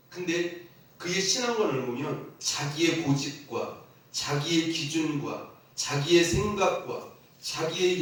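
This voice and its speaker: A pastor gives a sermon in a church sanctuary. His fairly high voice swings up and down as he throws emphatic questions at the congregation and has them repeat his lines. He is picked up from a distance, and the hall's heavy echo surrounds every phrase. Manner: leads the congregation in call-and-response repetition. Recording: very echoey church from a distant mic.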